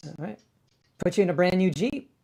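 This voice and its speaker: A man hosting a casual livestream, his voice pitched up and sped up by a sample rate mismatch on his mic rig, rambling and amused at himself. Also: animated, a little fast, vocal fry, dark tone, husky. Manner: rambling, self-amused, thinking aloud. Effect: pitched-up chipmunk sound from a sample rate mismatch. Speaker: livestream host. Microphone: streaming mic rig.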